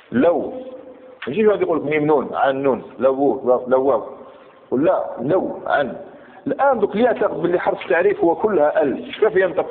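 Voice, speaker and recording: A middle-aged man teaching a grammar lesson, repeating key points and checking that his students follow. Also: on the high side. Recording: tinny lo-fi recording with long hall reverb.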